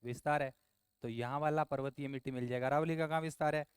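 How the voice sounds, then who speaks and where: A man from Rajasthan teaching an exam answer walkthrough, brisk, quizzing his listeners and scolding them in asides. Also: mid-range voice, steady tone, clean tone, dry recording, studio quality.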